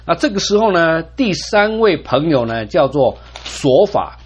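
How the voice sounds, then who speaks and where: A man's voice: a little high, big pitch swings, a little slow, slight background noise. A male preacher teaching from the Bible in a storytelling manner, often ending phrases with emphatic particles. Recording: dull lo-fi recording.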